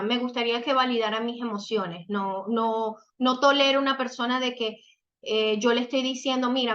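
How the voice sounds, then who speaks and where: A woman family counselor leading a live online workshop, talking in an animated, emphatic way, reading chat comments and often checking whether her listeners follow. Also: a little high. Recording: slightly dull, lo-fi stream audio.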